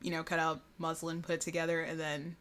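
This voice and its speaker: A woman's voice: sits low, monotone, fast, a bit bright. A woman co-hosting a podcast in casual chat, rambling along in a self-deprecating way. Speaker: podcast co-host.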